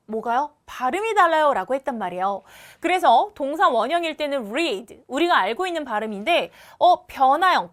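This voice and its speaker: A woman's voice: high voice, a bit bright. A young woman teaching an English lesson, explaining each question step by step with patience and repeating words to drill pronunciation. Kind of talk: recorded exam walkthrough lesson.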